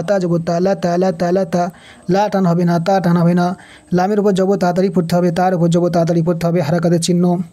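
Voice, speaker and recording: A man teaching Quran reading in a Bangladeshi Bengali accent, spelling out letters and vowel marks slowly and then chanting the verses. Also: sits high, warm tone. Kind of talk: Quran recitation lesson.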